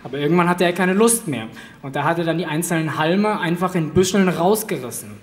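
A man doing a sharp-tongued teasing mother. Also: on the high side, fairly quick, big-room sound, lightly acted. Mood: mocking.

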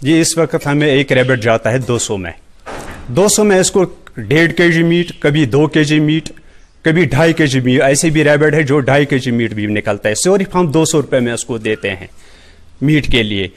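Middle-aged man, Kashmiri accent, slightly high voice, practical and polite, handheld mic in a big farm shed. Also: expressive, moderate pace. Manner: plain, practical explaining with many polite "ji sir" replies. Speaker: rabbit farm worker. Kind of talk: on-site interview answers. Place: large open-sided rabbit shed, indoors. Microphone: handheld reporter mic held near mouth.

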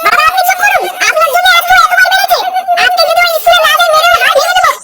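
Shrill scolding cartoon mom, very high, very fast, distant, noisy track. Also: female voice, steady tone. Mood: furious. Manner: shrieking threats at a child. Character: shrill scolding young mother, hot-tempered. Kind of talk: adult cartoon voice acting.

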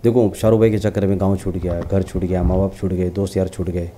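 A middle-aged man telling stories in an interview, lively, and acting out the lines of the people he quotes. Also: low voice, quick pace, a little hiss or hum. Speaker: celebrity lookalike actor interviewee. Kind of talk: casual storytelling interview.

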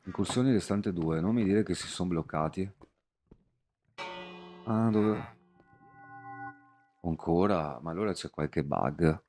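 A man's voice: low-pitched, slow, pauses often, a little mellow, faint music behind. A young man chatting casually to his viewers while streaming a game, rambling through personal anecdotes. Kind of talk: casual live-stream chat while gaming.

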